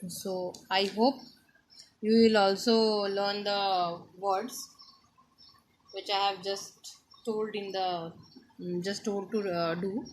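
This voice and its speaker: A woman teaches a young class, unhurried, reading short lines and explaining simple words. Her pitch sits in the middle range, and she often stops to ask "right?" before moving on. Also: fairly even intonation, slight background noise. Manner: slow, explains words and keeps asking "right?". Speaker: primary school teacher. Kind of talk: online class lesson.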